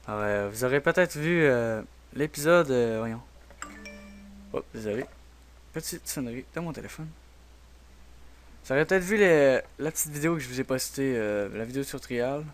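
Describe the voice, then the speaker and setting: A man with a Québécois French accent hosting a software tutorial, talking quietly and hesitantly with many fillers. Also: medium pitch, animated, fast, few pauses. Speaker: tutorial host. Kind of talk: screen-recorded software tutorial.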